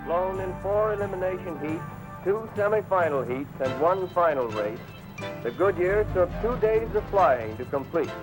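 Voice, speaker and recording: Brief: 1940s newsreel announcer, male, high bright pitch, brisk punchy reads, music under. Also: animated, low-quality recording. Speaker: newsreel narrator.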